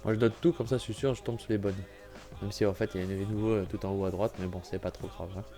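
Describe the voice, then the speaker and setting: A man with a lowish, dark voice speaks at a quick pace and a steady tone over faint music. He is a gaming YouTuber fighting a cold, clearing his throat during a chatty walkthrough of a computer-building game, often correcting himself and apologizing.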